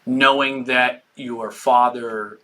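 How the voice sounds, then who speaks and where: A man, a guest who is an entertainer and pastor, talking casually in an interview, animated and jokey with lots of filler words. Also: mid-range voice, takes it slowly.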